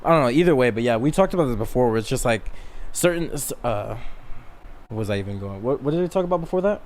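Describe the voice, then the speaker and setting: A man in his twenties co-hosts a podcast, chatting casually and fast about anime and manga. His medium-pitched, darkish voice is animated as he rambles through explanations in slangy language, with slight background noise.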